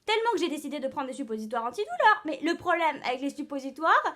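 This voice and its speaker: A woman's voice: high-pitched, very animated, quick pace, bright, forceful tone, heavily acted. A woman playing a chatty older aunt on a video call, who tells of her ailments in a breathless, dramatic way with many fillers. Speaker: drama student. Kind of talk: stage monologue acting.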